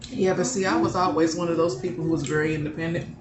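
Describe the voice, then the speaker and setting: A middle-aged woman with a somewhat low voice talks in a blunt, joking way as she hosts a casual chat over food. Her voice bounces around a reverberant room. A steady hiss of background noise runs under it. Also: fast talker. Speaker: mother and channel host.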